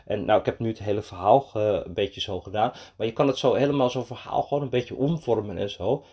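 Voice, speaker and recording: A Dutch man hosting a podcast, reading a picture book aloud and then explaining it in an animated way, with frequent filler words and a husky voice. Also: lowish voice, dull audio. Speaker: podcast host.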